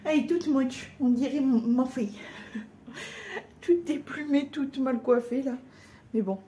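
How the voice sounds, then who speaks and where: A woman chatting casually to her viewers in a vlog, outdoors in a cold yard with her animals, sometimes switching to high, cooing baby talk toward them. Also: slow, warm tone, a little hiss or hum. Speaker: vlogger.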